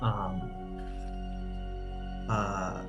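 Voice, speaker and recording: A man playing at a tabletop game, narrating his character's feelings in a halting, emotional way. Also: on the low side, level tone, muffled recording, over loud music. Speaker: player.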